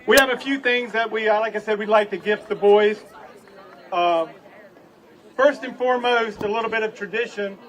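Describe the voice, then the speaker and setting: A man's voice: high-pitched, normal speed, a bit bright. A man speaking as city manager at a public ceremony on an outdoor stage, with an informal, folksy address. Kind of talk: public event speech to a crowd. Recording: distant outdoor PA with crowd and noise.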